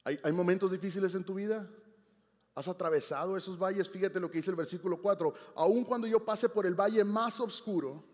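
A man preaching a sermon, telling a personal story earnestly, rising with emphasis and dropping to quiet reflection. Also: high-pitched. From Texas, United States. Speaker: pastor. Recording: church hall with long reverb.

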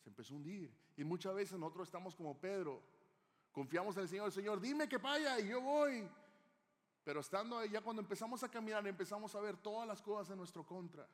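Male preacher, sermon, somewhat high voice, dramatic loud-to-hushed storytelling, long hall reverb. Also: fast. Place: church hall with screens.

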